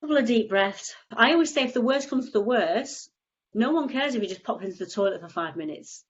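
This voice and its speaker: Slightly high-pitched, animated and brisk, this woman comes through on dull-sounding audio. Nursing a cold and a stuffy nose, the guest EFT tapping practitioner gives a casual, rambling explanation of tapping on a video call, restarting again and again.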